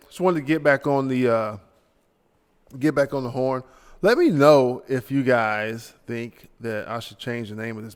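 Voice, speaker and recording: Gravelly man ranting on a podcast. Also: mid-range voice, long reverb tail. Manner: ranting, loose and rambling with slang. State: tired, yawning late at night. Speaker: podcast host. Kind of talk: solo casual monologue.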